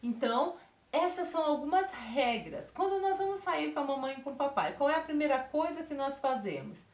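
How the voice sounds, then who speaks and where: A Brazilian primary school teacher records a lesson for young children, speaking with a Brazilian Portuguese accent, using diminutives and checking in often with "ok?". Her voice sits high with a darkish tone, animated and a little fast, in an echoey room.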